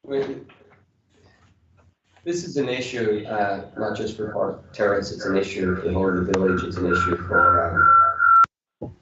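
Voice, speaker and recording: Low-voiced man on a remote call whose voice keeps cutting in and out, halting delivery, far off in an echoey room, hissy lo-fi line. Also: steady tone. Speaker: planning meeting participant. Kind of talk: remote public meeting remarks. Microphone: remote call connection. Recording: echoey, distant, noisy lo-fi call audio.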